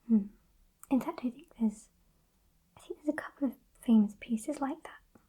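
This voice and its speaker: Super soft breathy british woman acting as a sweet librarian lady, whispered role-play, very mellow, gentle and unhurried. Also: fairly high pitch, low-quality recording. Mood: gentle, musing. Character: sweet, gentle, bookish woman librarian working late nights. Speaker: ASMR performer.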